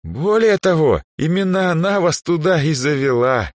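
In an audiobook character voice, a man plays an aging male archmage who sighs, lectures and sometimes flares into anger, all with a wry mood. He pitches his voice a little above his own, keeping it expressive at normal speed and only lightly acted. The recording is dry and studio quality.

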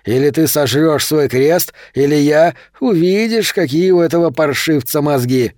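A man reading an audiobook, voicing a brutal male vampire thug with slow, loud, jeering threats. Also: on the high side, no echo, clean studio sound, lightly acted. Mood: menacing.

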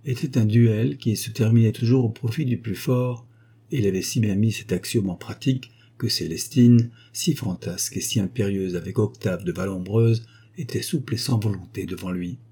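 A man reading a novel aloud as an audiobook narrator. His voice is low and mellow with a husky edge, and his delivery is steady and measured. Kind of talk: scripted narration.

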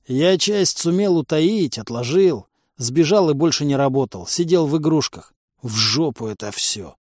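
A man voicing a gruff, world-weary male raid leader in an audiobook, bitter and blunt. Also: fairly high pitch, expressive, moderate pace, a little mellow, dry recording, studio quality.

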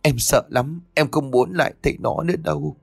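A man's voice: normal speed, no echo, studio quality, faint music behind, natural voice. A man voicing a terrified young pregnant wife who pleads in a frantic, raised voice. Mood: frightened. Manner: frantic, high-pitched pleading.

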